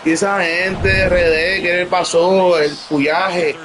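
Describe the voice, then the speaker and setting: A man giving excited live commentary as he streams a baseball video game, bursting into shouts and talking to his viewers. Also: sits high, slow pace, rough recording. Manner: talks to his audience. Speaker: gaming streamer. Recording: loud stadium crowd noise from the game. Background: video game crowd sound.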